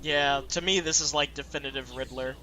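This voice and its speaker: A man's voice: fairly high pitch, steady tone, brisk, bright, forceful tone. A man hosting a let's play, giving loose, chatty commentary full of "like" fillers. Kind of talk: casual gameplay commentary.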